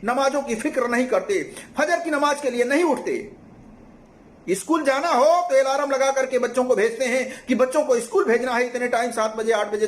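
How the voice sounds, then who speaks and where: High-voiced man preaching. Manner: repetitive exhorting, cites hadith numbers. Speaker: Islamic preacher. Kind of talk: religious sermon.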